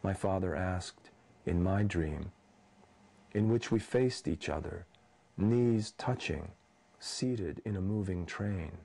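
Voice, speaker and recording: A man in his fifties, born in Indonesia, slowly reading his poems and talking about his life in a measured, thoughtful way. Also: sits low, vocal fry, dark tone, slightly rough. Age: 50s. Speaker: poet. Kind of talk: poetry reading and personal account.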